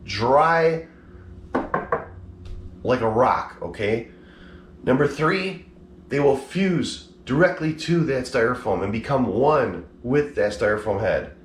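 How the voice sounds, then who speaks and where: A man's voice: mid-range voice, lively intonation, takes it slowly, long pauses, a little hiss or hum. A man collector talking casually in a blunt, exasperated way and swearing freely. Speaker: mask collector. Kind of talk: casual vlog ranting.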